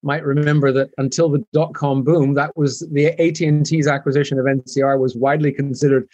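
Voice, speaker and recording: This is an older Canadian guest in a business interview, his accent toned down. He keeps a medium pitch and level tone, talking deliberately and pausing often with "um."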